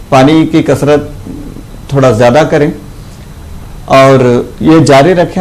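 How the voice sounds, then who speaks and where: Male mufti, mid pitch, measured and instructive on-air counsel. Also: gravelly, darkish tone, low-quality recording. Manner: measured, instructive, recites Arabic invocations slowly. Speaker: mufti giving religious advice.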